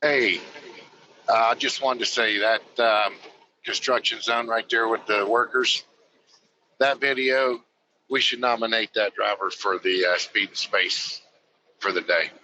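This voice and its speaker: Male caller, low and sharp-toned, loud, faint background noise. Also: steady tone, a little slow, rough recording. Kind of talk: call-in comment.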